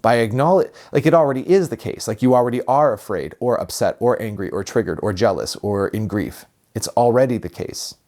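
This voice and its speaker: With an ordinary mid-range pitch, this man guides listeners through spiritual ideas like a teacher, calm and reflective, returning to phrases for emphasis. Though he takes his time with the ideas, his delivery runs a little fast with hardly any pauses.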